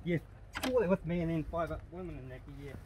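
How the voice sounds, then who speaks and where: Young male, New Zealand accent, fast casual chat, higher-than-average voice, light outdoor noise. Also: lively intonation, darkish tone. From Nelson, New Zealand. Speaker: visiting supporter of the channel. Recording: faint outdoor background noise.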